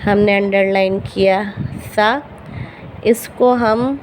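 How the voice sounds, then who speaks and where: A woman who speaks Urdu as her first language, teaching beginners to pronounce Arabic letters for Quran reading, patiently repeating each sound slowly. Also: medium pitch, steady tone, darkish tone, slight background noise, low-quality recording.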